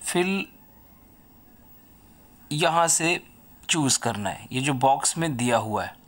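Indian-accented male teacher for a recorded kids' lesson, very unhurried and patient, mid-pitched. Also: expressive, fairly bright tone. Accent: Indian English. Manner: slow, patient, explains each point in Hindi and English. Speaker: school English teacher. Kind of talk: recorded online lesson for children.

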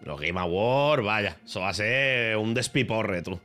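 A man's voice: lowish voice, animated, a little slow, bright, forceful tone, soft background music. Sarcastic, foul-mouthed Spanish-accented man. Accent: Spain Spanish. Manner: joking, sarcastic, heavy swearing. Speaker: streamer. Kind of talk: casual livestream chat.

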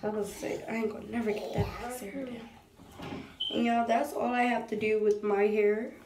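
A woman's voice: a little high, flat delivery, normal speed. A young woman with a stuffy nose from a cold, chatting casually to viewers while showing her hair. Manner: chatty, addresses viewers as y'all. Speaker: vlogger. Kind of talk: casual hair tutorial vlog. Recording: echoey room, distant mic, noisy background.

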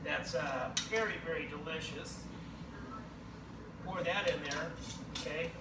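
A man's voice: on the high side, a little slow. A man in his forties hosting a home cooking show, joking and rambling as he cooks, saying "okay" again and again. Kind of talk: casual cooking demonstration. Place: home kitchen, indoors. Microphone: camera across the room. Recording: echoey kitchen, distant camera mic, noisy.

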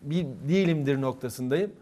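A man's voice: on the high side, moderate pace. A young man from eastern Turkey, a theatre club instructor, telling stories animatedly in a casual interview and acting out the dialogue. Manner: animated, acts out quoted dialogue with shifting loudness.

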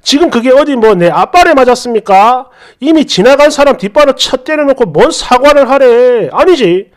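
A man's voice: very high-pitched, expressive, normal speed. A rude, scornful man stranger, put on by a woman narrator in a spoken storybook. He sneers and brushes everything off with a dismissive, belligerent edge.

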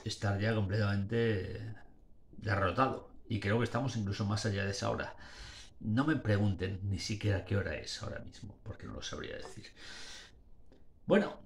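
A man in his forties with a somewhat low voice talks straight into a close webcam or phone in a small, dimly lit room. He reviews a beer in a loose, rambling way, slurring now and then and restarting his sentences. He comes across as a bit tipsy and plays it up. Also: slight background noise. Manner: slurred, rambling speech with restarts, playing up drunkenness. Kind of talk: casual video review. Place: small dim room indoors. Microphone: webcam or phone at arm's length.

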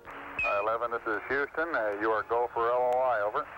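A man in mission control speaking brisk, clipped radio procedure over a crackly space radio transmission. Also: mid-range voice, music in the background. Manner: brisk, matter-of-fact. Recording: static-heavy archival radio link.

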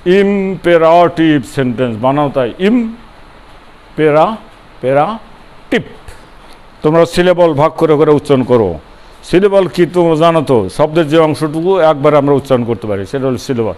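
Fairly high-pitched, expressive, a little fast, and a little mellow, this older man's voice carries a grammar lecture. As a former college principal, he stresses and repeats words, sounds them out syllable by syllable, and answers the questions he puts to his students.

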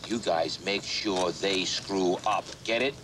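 An actor playing a curt, scheming police officer in a film comedy. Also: male voice, low-pitched, slow, fairly bright tone, a little hiss or hum. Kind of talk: 1980s film comedy acting.

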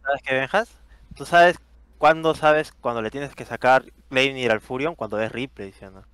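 Hesitant man, smooth dry voice. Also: medium pitch, normal speed, a bit bright, no echo. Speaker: guest player. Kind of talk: casual chat.

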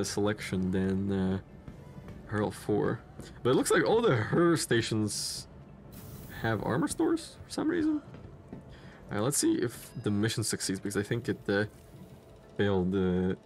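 Streaming a game from a home room in front of a gaming chair, this young Czech or Slovak man rambles through casual gameplay commentary, full of fillers and false starts, in a Slavic accent. His lowish voice carries some vocal fry, and a slight hiss or hum runs under the recording. Faint game music plays behind him.

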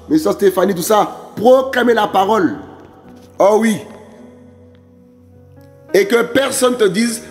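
A man preaching an evangelistic sermon, emphatic and repetitive, often addressing listeners directly. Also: fairly high pitch. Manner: emphatic, repetitive exhortations with frequent asides to listeners.

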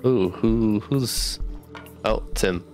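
Anxious male let's-play host, low voice, keeps repeating himself, game music faint underneath. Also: drawn-out words, vocal fry, a little mellow. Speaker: gamer, channel host.

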